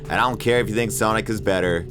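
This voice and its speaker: A man in his thirties, a video essayist who hosts his own channel, narrates a casual video essay in a lowish, fast voice. He's irreverent, opinionated, slangy and profane, with background music playing behind him.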